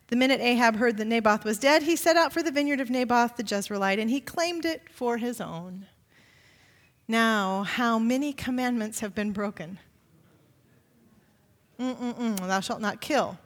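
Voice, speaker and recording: A woman pastor preaching a sermon, retelling a scripture story with animated emphasis. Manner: expressive storytelling, rising pitch for emphasis. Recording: long reverb of a large hall.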